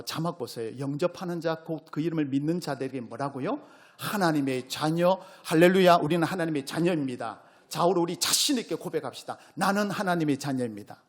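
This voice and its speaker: A male pastor with a Gyeongsang accent preaching a sermon, questioning his congregation and rising to loud exclamations. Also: on the high side, breathy edge. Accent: Gyeongsang Korean. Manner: call-and-response preaching, asks the congregation questions.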